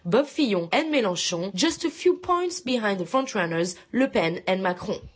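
Female correspondent, husky mid-range voice, scripted report. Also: mid-range voice, lively intonation, normal speed. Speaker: foreign news correspondent.

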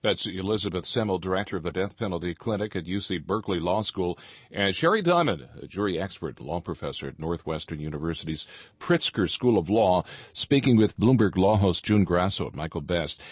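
American man, radio announcer, husky voice in a dry studio, scripted program credits. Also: sits low, animated, brisk, dry recording.

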